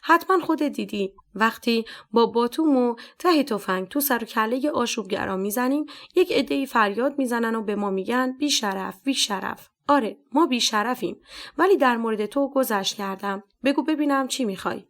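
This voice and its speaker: A woman's voice: fairly high pitch, a bit bright. A woman voicing a stern, scornful male police captain who scolds harshly and talks down sarcastically.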